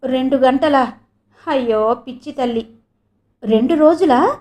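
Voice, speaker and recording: A woman's voice: high-pitched, unhurried, dark tone. A woman reading an audio novel voices a loving old grandmother who fusses over her granddaughter tenderly. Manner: tender, fussing, affectionate.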